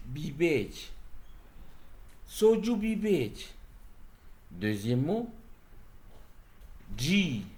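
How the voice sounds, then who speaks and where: A man teaching pronunciation, saying each word slowly and clearly twice, with an other than the one he explains in. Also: fairly low pitch. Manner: says each word twice, carefully and loudly. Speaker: language teacher. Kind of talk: slow pronunciation lesson.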